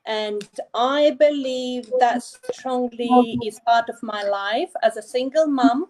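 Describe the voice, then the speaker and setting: A woman from Latvia, a guest on an online talk, speaking in a hesitant, halting way. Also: on the high side, darkish tone, slight background noise, poor audio. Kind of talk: online event chat.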